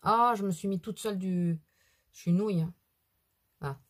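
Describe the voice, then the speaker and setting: A woman's voice: medium pitch, moderate pace. A middle-aged woman with a cold, chatting casually and rambling through her makeup routine for a beauty vlog. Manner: chatty, rambling, self-deprecating asides. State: has a cold. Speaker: beauty vlogger. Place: at home at her mirror.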